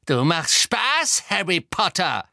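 A man's voice: very animated, creaky, pushed and bright, dry recording, studio quality, heavily acted. A man voicing a cruel, fanatical witch who shrieks and drags out her words. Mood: mocking. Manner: shrill, drawn-out, screeching.

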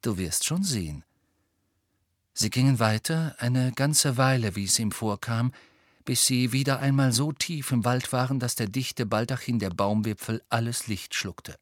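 A man reading a novel aloud as audiobook narrator, even and measured. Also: medium pitch, dry recording, clean studio sound. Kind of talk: scripted narration.

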